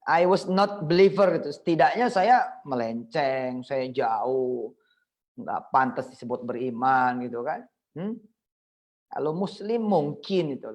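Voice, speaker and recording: A middle-aged man preaching in a virtual study circle, telling a story with lively swings, acting out prayers and scolding parents. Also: a little high. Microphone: video call.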